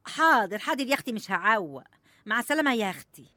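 Radio drama role: anxious rural Egyptian villager, high voice, deferential, pleading, prone to lament. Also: female voice, animated, very fast, pushed and bright, dry recording. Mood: meek. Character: anxious, deferential village woman reporting to police.

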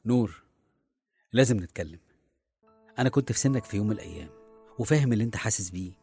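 A man's voice: on the low side, animated, very fast, gravelly, mellow. An actor with an Egyptian accent playing a harried, well-meaning middle-aged father in a radio serial, conversational and often hesitant. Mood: fatherly, firm. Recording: music behind the voice.

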